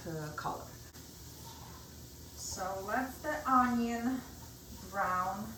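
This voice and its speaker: A middle-aged Polish woman with a Polish accent hosts a home cooking show, chatting through and explaining each step as she works in her kitchen. Her voice is mid-range, the sound is reverberant, and the background is noisy.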